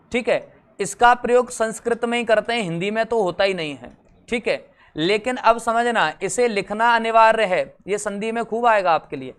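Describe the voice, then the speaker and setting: A man's voice: sits high, fairly bright tone, clean tone. A young adult man teaching a grammar lesson for exam prep, chatty and teasing, often quizzing his students.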